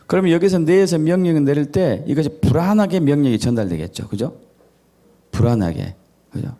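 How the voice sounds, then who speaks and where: A man's voice: fairly high pitch, expressive, fairly quick. A male pastor preaching a sermon who keeps asking the congregation questions and answering them himself, stacking up repeated phrases in lists. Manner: acts out scolding and gentle parent voices; repetitive listing cadence.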